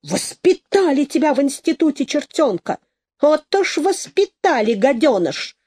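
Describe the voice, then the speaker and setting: A woman reading a story voices a loud middle-aged woman who accuses and scolds, shrieking and wailing. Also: fairly high pitch, very animated, moderate pace, breathy edge, no echo, clean studio sound. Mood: scolding.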